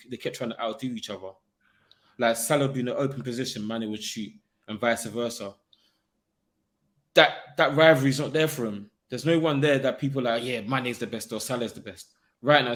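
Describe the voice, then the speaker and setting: A young man in a casual football chat, talking in an animated way with slang and frequent laughter. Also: medium pitch. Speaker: football pundit.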